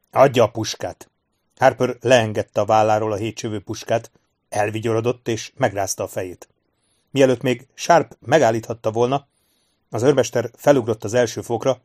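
A man reading a novel aloud as audiobook narrator in a steady, measured way. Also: fairly low pitch, no room sound, clean studio sound. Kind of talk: scripted narration of a war novel.

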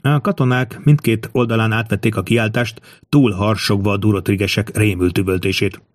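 A man reading an audiobook in a steady, measured storytelling voice. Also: fairly low pitch, dry recording, clean studio sound. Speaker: audiobook narrator. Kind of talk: scripted audiobook narration.

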